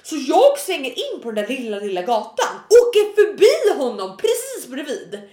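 High, lively young woman telling a story. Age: 20s. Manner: animated storytelling, acts out her own shouts. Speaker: podcast co-host. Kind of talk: casual chat. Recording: echoey room.

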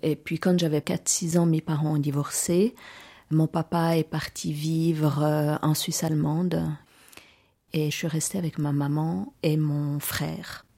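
A woman's voice: sits low, flat delivery, gravelly, mellow. A woman, hesitantly recounting her personal story in an interview. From Lausanne region, Switzerland. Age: 40s. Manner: hesitant, reflective, many pauses and fillers.

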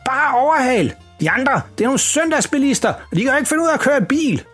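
A man playing a loud, overeager father who keeps shouting advice at his kids. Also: mid-range voice, husky, soft background music. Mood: eager. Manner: excitable and shouting. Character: loud, overeager embarrassing dad.

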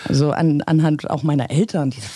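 Chatty female co-host, warm mellow tone, dry sound. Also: deep voice, fast talker, breathy edge, dry recording. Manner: lively, chatty, laughs easily. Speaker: radio co-host. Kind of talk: casual radio chat.

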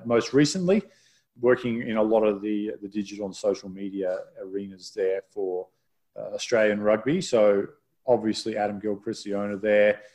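A man hosting a casual news roundup, relaxed and rambling, with frequent restarts and fillers. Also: fairly low pitch. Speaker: podcast host.

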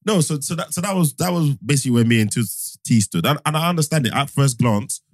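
A man co-hosting a casual football podcast, arguing his point provocatively and laughing loudly at the others. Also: on the high side, lively intonation, fast talker, no echo. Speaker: podcast co-host.

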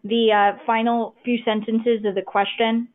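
A woman with a fairly high voice comes through a thin, tinny phone line. She answers in a measured way and fills her pauses with ums and uhs. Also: flat delivery. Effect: heard over a phone line. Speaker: defense official on a panel. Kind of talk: panel discussion answer.

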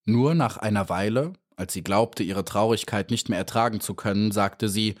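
A man narrating an audiobook of a children's story in a calm, measured storytelling manner. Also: fairly low pitch.

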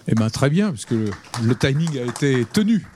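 A man with a mid-range voice moderates a conference session. He introduces speakers and wanders into chatty, anecdotal digressions told with lively emphasis. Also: mid-range voice, moderate pace, slight background noise.

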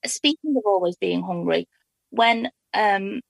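A woman's voice: mid-range voice, unhurried, gravelly, no echo. A woman from England co-hosting a casual podcast chat, jokey and rambling. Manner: chatty, jokey, rambling with fillers. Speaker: podcast co-host.

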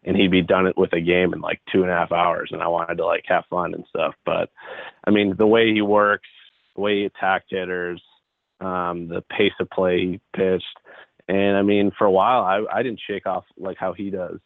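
A man's voice: low-pitched, little pitch movement, normal speed, gravelly, no echo. Young man on a tinny phone line. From Chicago area, United States. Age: 20s. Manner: loose and rambling, heavy on filler "like". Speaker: guest, baseball pitcher. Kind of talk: casual interview chat.

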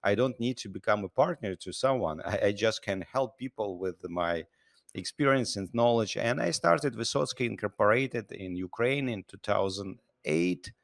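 A man from Russia who speaks. He answers interview questions in halting English, with many restarts. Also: on the low side, animated, gravelly, dry recording, studio quality. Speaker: guest, business founder.

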